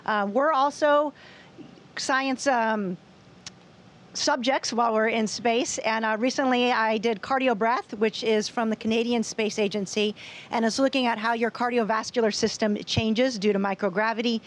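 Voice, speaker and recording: A woman's voice: a little high, fairly even intonation, moderate pace. A woman speaking as an astronaut, giving explanatory interview answers. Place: inside a space station.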